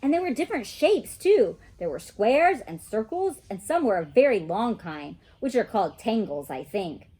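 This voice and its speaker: Reading a children's storybook aloud, a woman plays an excitable, mischievous kindergarten girl recounting her own adventures with cheeky emphasis and excitement. Her pitch bounces about in a lively way, a slightly husky edge colors the childlike voice, and she speaks at normal speed with few pauses.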